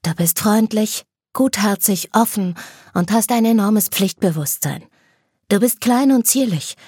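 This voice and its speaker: A woman reading a story aloud, voicing a calm, kind teenage vampire boy who speaks gently. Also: mid-range voice, unhurried, slightly rough, dry recording, studio quality. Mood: gentle. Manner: gentle, soothing.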